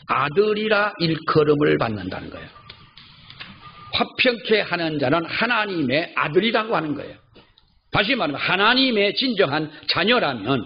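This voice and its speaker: Here an older man, a pastor, delivers a church sermon in a gravelly voice pitched a little high. Stories fill his preaching, and he returns to key phrases again and again to stress them. Faint noise sits behind a somewhat dull recording.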